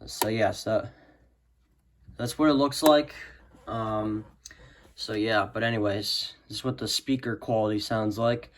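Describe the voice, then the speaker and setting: In a noisy amateur home recording, a man who makes videos as a hobby gives an off-the-cuff product demo, wandering and hesitant, frequently ending on "so yeah." His voice is on the low side and steady, a little slow, with frequent pauses.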